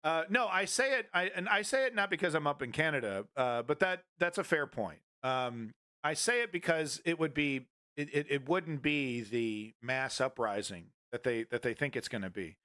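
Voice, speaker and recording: A man's voice: fairly high pitch, animated, normal speed, hardly any pauses, sharp tone, no echo, clean studio sound. A man hosting a live stream, commenting casually in a rambling way with many restarts and expletives. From United States. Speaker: streamer host.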